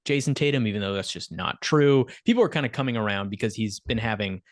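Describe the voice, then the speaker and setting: A man's voice: fairly low pitch, expressive, fast talker, dry recording, studio quality. A man co-hosting a casual sports podcast, talking animatedly and rattling off stats with the odd laugh mid-sentence. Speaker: podcast co-host.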